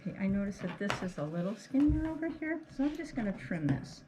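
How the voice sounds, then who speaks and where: The masked craft tutorial host has a mid-range voice with big swings in pitch and talks fast. She demonstrates her craft casually and hands-on, in a homely way, talking as she goes and repeatedly checking with "okay". Her recording is clearly noisy and picks up handling clicks.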